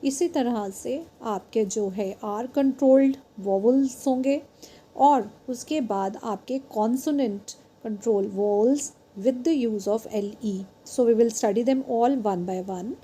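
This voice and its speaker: A woman's voice: on the high side, drawn-out words, dark tone, slight background noise. A woman teaching a beginners' phonics lesson, switching between Hindi and English, spelling out letters and drawing out example words.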